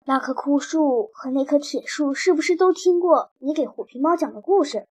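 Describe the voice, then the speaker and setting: Wise old turtle, lowered voice, as a woman reads it. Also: moderate pace, a little mellow, lightly acted. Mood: calm, wise. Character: wise old male green-haired turtle.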